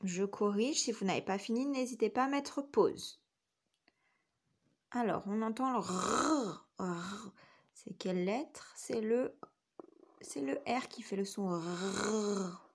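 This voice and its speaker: A woman's voice: mid-range voice, takes it slowly, long pauses, darkish tone. A woman teacher giving a recorded spelling lesson to young children, patiently sounding out each letter and syllable. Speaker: kindergarten teacher.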